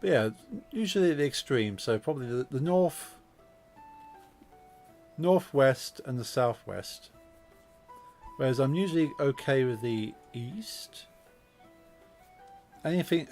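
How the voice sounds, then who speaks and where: A man with a Midlands English accent, chatting casually as a game streamer and speaking with deliberately clear, precise diction. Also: mid-range voice, animated, a little mellow, faint music behind. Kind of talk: casual chat while gaming.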